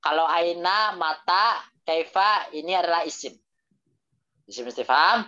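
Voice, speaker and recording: Slow, patient male teacher on video call. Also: on the high side, pushed and bright. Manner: drills vocabulary, repeats and corrects students' answers; mixes Arabic phrases into Indonesian explanations. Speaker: Arabic teacher. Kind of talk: online language class. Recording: dull lo-fi video call audio.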